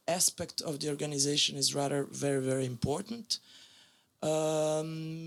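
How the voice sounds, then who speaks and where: Croatian-accented woman, 40s, curator lecturing in English; gravelly fry in the voice, halting delivery full of fillers. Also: sits low. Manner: halting, with many fillers and self-corrections. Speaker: music curator giving a lecture. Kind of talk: public lecture.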